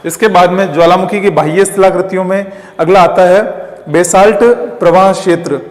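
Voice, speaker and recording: Male teacher, high voice, long hall reverb; explains step by step, answers his own questions. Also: steady tone, normal speed. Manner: draws diagrams while talking. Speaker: geography teacher. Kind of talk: classroom lecture. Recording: echoey, reverberant room.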